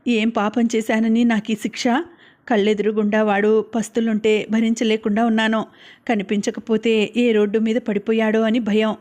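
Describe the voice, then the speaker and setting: A woman's voice: a little high, warm tone, lightly acted. Woman voicing a grieving old grandmother. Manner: halting, tearful pleading. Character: grieving elderly grandmother fretting over her son.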